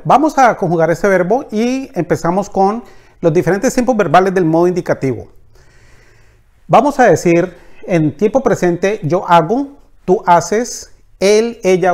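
A man teaching a language lesson, reciting verb conjugations in a slow, deliberate way. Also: sits high, a little mellow. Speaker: Spanish teacher.

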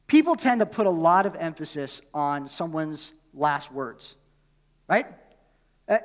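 High-voiced pastor in a reverberant hall. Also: male voice. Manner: conversational, asks the congregation questions. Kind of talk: sermon. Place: church.

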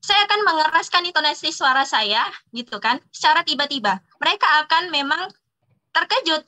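A woman's voice: high-pitched, expressive, fairly quick, sharp tone, low-quality recording. A woman teacher giving a casual talk on public speaking to an online class, chatty, laughing often and using plenty of fillers.

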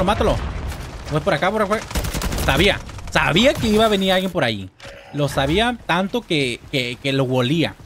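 A young Mexican man giving excitable, jokey gameplay commentary and swearing now and then. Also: on the high side, a little hiss or hum. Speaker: gamer. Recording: gunfire from game audio. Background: loud game gunfire.

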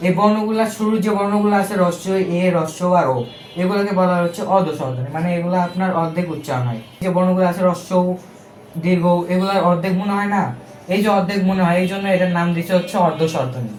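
A man's voice: sits high, darkish tone, echoey room, slight background noise. A young man with a Bangladeshi accent, teaching an exam-prep lesson step by step, asking questions and correcting himself as he goes. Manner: explains step by step with rhetorical questions; colloquial, with fillers and self-corrections.

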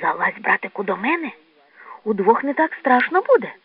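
A woman voicing a timid, gentle young male raccoon who talks softly and slowly. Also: medium pitch, big pitch swings, slightly rough. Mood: hushed. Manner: soft, hushed and slow. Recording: tinny lo-fi dry recording.

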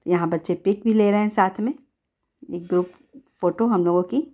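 A middle-aged woman tells the story of a family outing in an easygoing voice-over. She strings her sentences together in a chatty way, like someone talking to a friend. Her pitch is average for a woman. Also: steady tone, normal speed, dark tone. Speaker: family vlogger.

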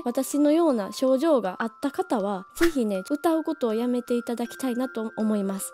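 A slightly hoarse woman talks as a voice-training teacher, friendly and animated, drawing out key words slowly. Her voice sits a little high yet sounds mellow and warm. Faint music plays underneath. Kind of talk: casual explanatory talk.

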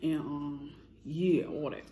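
Speaking slowly in a low, mellow voice, a young woman vlogger rambles to her viewers as "y'all" into her phone during a casual mukbang at home. The echoey indoor room adds a little hiss or hum.

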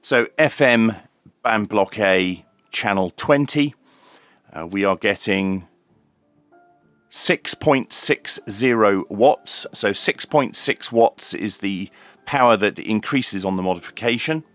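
Presenting a hands-on product demo on radio without a script, this reviewer walks through it step by step, plainly and methodically. His voice is on the low side and fairly bright, he speaks slowly, and there's no echo.

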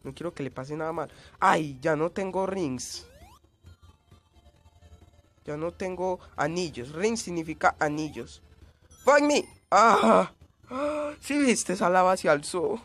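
A man's voice: a little high, a little slow, long pauses, fairly bright tone. A man giving gameplay commentary, coughing and sounding changed by a cold, yelping and screaming at in-game hazards. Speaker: let's play gamer.

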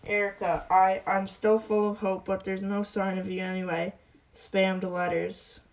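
A woman's voice: mid-range voice, little pitch movement, unhurried, creaky, low-quality recording. A woman voicing a timid cartoon wolf boy in a Minecraft let's play role-play, nervous and shaky. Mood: reading.

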